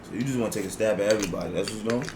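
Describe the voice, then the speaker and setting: A man's voice: fairly low pitch, rapid-fire, crowd noise. A man co-hosting a podcast in a casual debate, speaking in a laid-back, dismissive way and often tagging "man" onto his lines. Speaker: podcast co-host and basketball trainer. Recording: noisy podcast recording.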